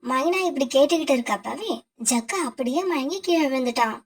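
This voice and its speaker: A woman narrating a children's cartoon story in a steady, explanatory way. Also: high-pitched, a little fast.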